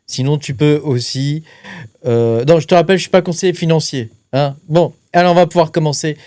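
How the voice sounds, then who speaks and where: This crypto mining host delivers a casual explainer to camera, chatty and packed with fillers, adding the tag "hein" after almost every phrase. He speaks briskly in a slightly high, darkish voice, with studio-quality sound and no echo.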